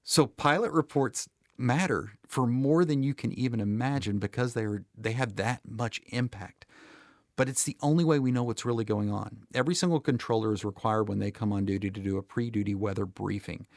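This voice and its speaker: An air traffic controller appears as an expert podcast guest, an American man with a mid-range voice who talks a little fast. The recording is dry, and his delivery is conversational, emphatic and plain-spoken, laced with dry humor.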